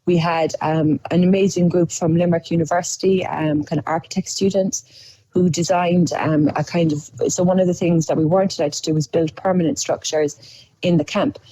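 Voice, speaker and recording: A woman's voice: lowish voice, steady tone, fairly quick, warm tone, no room sound, poor audio. An Irish woman, an aid volunteer, explaining a building project in a hesitant documentary interview. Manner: hesitant, lots of ums.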